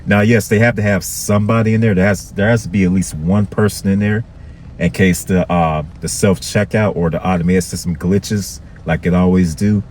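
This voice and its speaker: A man's voice: low voice, fairly even intonation, normal speed, darkish tone, slight background noise. A man from Florida, talking casually to his viewers and often checking in with "okay". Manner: conversational, repetitive, addresses viewers with "okay". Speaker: vlogger.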